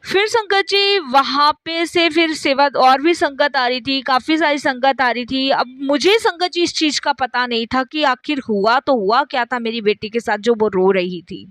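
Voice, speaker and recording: High-voiced woman telling a devotional testimony. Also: normal speed, hardly any pauses, a bit bright, no echo, clean studio sound. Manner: addresses listeners repeatedly as sangat ji; acts out quoted dialogue in story. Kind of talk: first-person spoken testimony.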